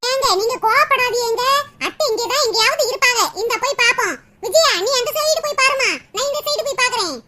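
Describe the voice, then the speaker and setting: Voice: extremely high pitch, fairly quick. A performer voicing a chatty young village daughter-in-law with a southern Tamil accent, fussing and calling out around the house. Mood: searching, calling. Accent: southern Tamil, Tirunelveli. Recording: loud background noise.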